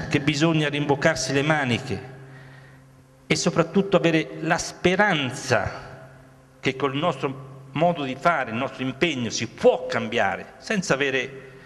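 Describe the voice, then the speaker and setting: A man's voice: fairly high pitch, unhurried, long pauses, fairly bright tone. A man in his sixties, a native Italian speaker, giving an earnest, reflective off-the-cuff public speech into a handheld microphone. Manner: earnest, reflective, repeats filler phrases. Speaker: guest speaker. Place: large glass-walled hall, indoors. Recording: echoey hall over a PA.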